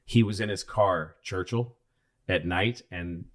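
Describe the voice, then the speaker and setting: Low-voiced man telling stories casually. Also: a little slow. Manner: rambling, profane, animated storytelling with many restarts. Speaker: podcast co-host. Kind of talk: casual storytelling chat.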